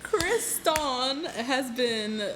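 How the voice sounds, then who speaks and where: Podcast co-host, woman, casual and chatty, quick to laugh, light room hiss. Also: sits high, lively intonation, fairly bright tone, poor audio. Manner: chatty, laughs often, lots of fillers. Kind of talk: casual chat recapping a reality show.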